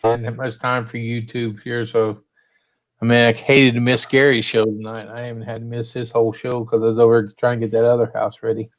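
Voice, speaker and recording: A man's voice: medium pitch, flat delivery, fairly quick. A man hosting a casual live stream chat, talking in a rambling, tired way.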